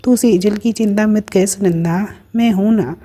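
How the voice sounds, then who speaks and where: A caring woman friend offers firm, brisk reassurance, voiced by a woman narrator. Her voice is warm and mellow, delivered in the manner of a storybook read aloud. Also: mid-range voice, natural voice. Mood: reassuring.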